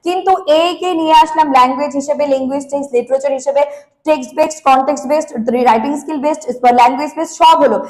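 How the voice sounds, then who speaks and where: A woman with a Bengali accent teaches an online exam-prep lesson in a high voice, speaking quickly. She keeps asking questions and answering them herself. She drives her points home by repeating them with emphasis. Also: rough recording. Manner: repetitive, emphatic.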